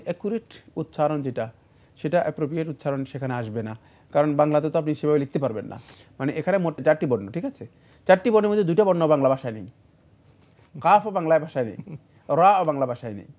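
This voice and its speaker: A man answering religious questions on a studio show, in a measured, explanatory way with frequent fillers. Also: a little high, darkish tone. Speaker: Islamic scholar answering questions.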